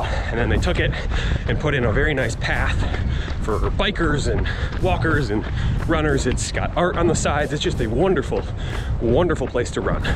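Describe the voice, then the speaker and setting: A man in his thirties with an American accent talks casually to his vlog camera while running, slightly winded. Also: mid-range voice. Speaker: running vlogger. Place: outdoors on paths and sidewalks. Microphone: camera held at arm's length. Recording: outdoor action camera, noisy street ambience.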